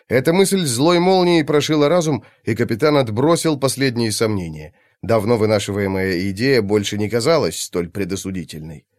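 A man reads a fantasy novel aloud in a measured, dramatic way. His voice is mid-pitched and plain. The recording is dry and close, with no room sound. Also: dry recording. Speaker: audiobook narrator. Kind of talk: scripted fantasy narration.

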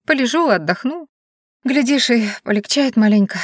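A woman voicing a frightened, wry young heroine who pleads in a whiny, higher voice. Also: animated, moderate pace, dry recording, clean studio sound. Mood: pleading.

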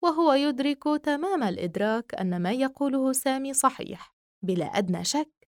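A woman's voice: sits high, expressive, no echo, clean studio sound. Woman narrating an audiobook novel. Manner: measured literary narration. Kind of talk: scripted narration.

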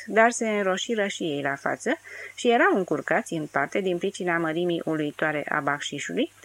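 A woman narrating an audiobook of a novel in a steady, measured way. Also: medium pitch, dry recording.

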